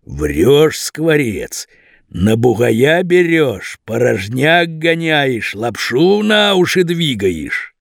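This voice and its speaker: A man voicing a cold, menacing gangster boss who drawls his threats slowly in an audiobook. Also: mid-range voice, big pitch swings, vocal fry, dry recording, clean studio sound, heavily acted. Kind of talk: audiobook character voice.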